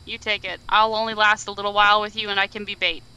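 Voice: mid-range voice, level tone, quick pace, pushed and bright, smooth, dull audio. A player giving blunt orders and swearing freely during a casual co-op ghost-hunting game over voice chat. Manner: blunt and bossy, swears often. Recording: noisy voice-chat audio.

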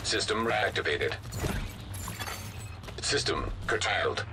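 A man's voice: low voice, animated, slow, vocal fry, far from the mic, exaggerated voice. A man voicing a male suit computer through a metallic robot filter, giving clipped, emotionless status reports. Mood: flat robotic. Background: loud game music.

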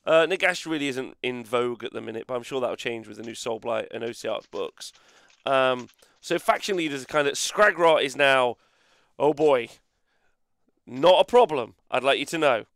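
A man hosting a casual gaming podcast, rambling and animated, with mock-outraged banter. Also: medium pitch, moderate pace, gravelly, no room sound. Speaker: host.

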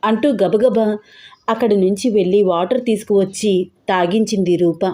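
A woman narrating a serialized love story in an expressive, steady reading. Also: medium pitch, normal speed.

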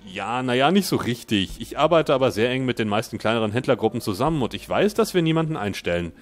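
A man's voice: medium pitch, animated, quick pace, faint music behind, close to an everyday voice. A man voicing a slick, friendly male merchant who brags about his deals, in upbeat salesman patter. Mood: chummy sales pitch. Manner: upbeat salesman patter, read aloud from the game's dialogue.

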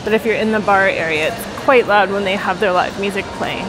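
A woman's voice: mid-range voice, fairly quick, over loud music, rough recording. A woman in her thirties giving a chatty walking tour of an indoor hotel mall, talking into a handheld camera while she walks. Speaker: travel vlogger. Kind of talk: casual walking tour narration. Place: large indoor hotel shopping mall and hallways. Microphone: handheld camera at arm's length.

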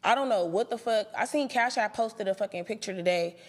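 A woman's voice: medium pitch, fairly quick, long reverb tail. A young woman casually recapping episodes of a reality show for her viewers, brash and sassy and swearing freely. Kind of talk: profane casual commentary to viewers.

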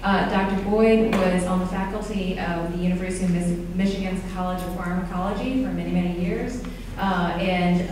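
Woman introducing an event, very echoey room. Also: lowish voice. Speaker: museum programs director introducing a speaker. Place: indoor lecture room with seated audience. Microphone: podium microphone. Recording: very echoey room, distant, clear noise.

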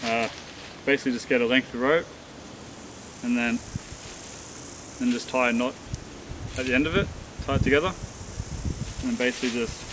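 Rambling Australian guy in the bush. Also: medium pitch. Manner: relaxed, rambling, many fillers and restarts. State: tired after a hot hike. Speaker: bushcraft vlogger. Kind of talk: casual outdoor explanation to camera. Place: outdoors in the bush by rocks. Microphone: camera on a tripod a few metres away. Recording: outdoor camera audio with steady hiss.

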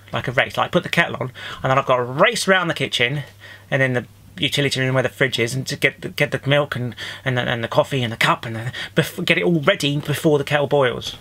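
A male comedian from the UK talking through a comic lockdown video diary, rambling and restarting his sentences. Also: sharp tone. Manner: rambling, self-interrupting, breaks into high-pitched mock crying.

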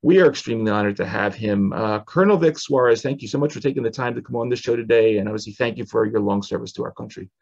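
A man's voice: medium pitch, fast, vocal fry, few pauses, darkish tone, slightly rough, highs cut off. A man in his forties hosting a podcast over a video call from a home office, reading a long guest introduction with frequent "uh" fillers. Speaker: podcast host. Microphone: headset on video call.

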